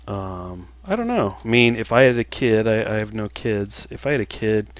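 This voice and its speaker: A man in his mid-thirties, a livestreaming gamer and game developer, chats casually while playing, his voice somewhat low. Relaxed and unhurried, he often pauses on "um" while answering viewer questions between moves. The recording is dry.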